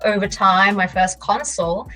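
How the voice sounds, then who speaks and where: A young woman from Malaysia, a guest telling lively stories about her gaming past and laughing often. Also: medium pitch, normal speed, far from the mic, low-quality recording. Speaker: podcast guest. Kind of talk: casual storytelling interview.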